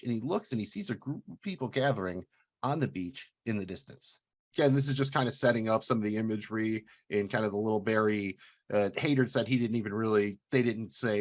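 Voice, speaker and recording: A man co-hosting a review podcast, talking casually with fillers and restarts. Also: fairly low pitch. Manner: chatty, hesitant with fillers. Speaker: podcast co-host.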